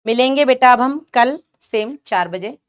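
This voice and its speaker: A woman's voice: a little high, lively intonation, measured pace, clean tone. Patient woman biology teacher. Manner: patient, explanatory, calls students "beta"; mixes English terms into speech. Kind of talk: online exam-prep lecture.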